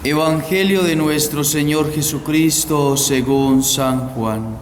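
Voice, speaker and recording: A priest reads the Gospel and preaches in an unhurried, measured voice pitched a little above the usual for a man. His words ring out under a cathedral echo with a long hall reverb. A faint hiss sits behind him. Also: steady tone. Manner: slow, measured liturgical delivery. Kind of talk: Pentecost homily and Gospel reading. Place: large church. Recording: echoey church hall, faint background hiss.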